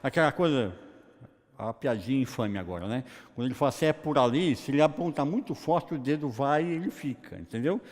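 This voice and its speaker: A man preaching a lively sermon in a colloquial, joking way, acting out Bible scenes. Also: mid-range voice, brisk. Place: church hall. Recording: long church-hall reverb.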